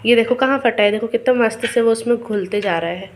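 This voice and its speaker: A woman's voice: on the high side, a little fast, slight background noise. A middle-aged woman with a sore throat hosts a casual cooking video, chatting to viewers as friends and explaining each step.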